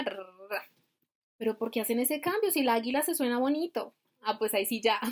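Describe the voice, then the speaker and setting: A woman teaching grammar over a video call, explaining step by step and asking rhetorical questions. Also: a little high. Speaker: grammar instructor.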